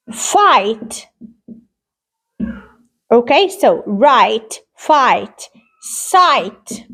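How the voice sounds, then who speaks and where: A woman with an Egyptian Arabic accent teaching a beginner English phonics lesson, repeating each example word slowly and drawing it out. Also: high-pitched. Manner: slow, drawn-out repetition of example words.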